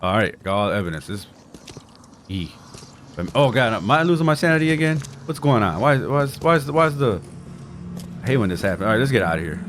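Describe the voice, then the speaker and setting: A man's voice: medium pitch, big pitch swings, fast, pauses often, a bit bright, slight background noise. A man giving casual video game playthrough commentary with informal, jokey asides. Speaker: gaming streamer. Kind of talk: casual playthrough commentary, reading clues aloud.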